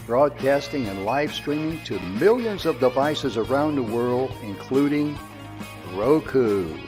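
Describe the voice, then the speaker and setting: A man reads a scripted show introduction at a very slow, deliberate pace. His pitch swings widely as he announces. Plucked guitar music plays clearly under his voice. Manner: slow, measured, lively announcing.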